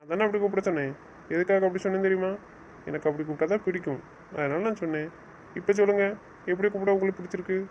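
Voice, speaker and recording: Male actor as a young husband, high-pitched and teasing, stern when he scolds, romantic audio drama, lo-fi sound. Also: fairly even intonation, rapid-fire, pauses often, slight background noise, close to an everyday voice. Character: young husband, teasing yet bossy with his new wife.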